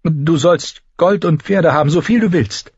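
A pleading young queen, as a male narrator puts her on, her voice raised and a little husky. She speaks slowly but urgently, with a lively rise and fall. The recording is dry and slightly dull. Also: medium pitch, dry recording, voice pushed up. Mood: pleading, desperate.

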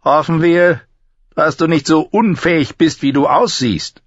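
A man voicing a cold, sneering middle-aged male master-at-arms with a sharp, booming voice and a mocking manner. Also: unhurried, no room sound, highs cut off. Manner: mocking, contemptuous.

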